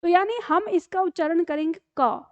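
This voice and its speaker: High-pitched woman patiently teaching a lesson. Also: moderate pace, no room sound, highs cut off. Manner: patient, explains step by step with frequent "ठीक है?" checks. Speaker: Hindi teacher. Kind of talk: online grammar lesson.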